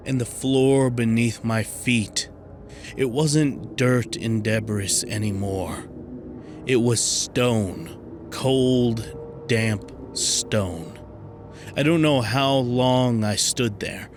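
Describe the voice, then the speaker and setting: A man reading a horror story aloud, in a measured, hushed and suspenseful way. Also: fairly low pitch. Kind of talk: scripted horror narration.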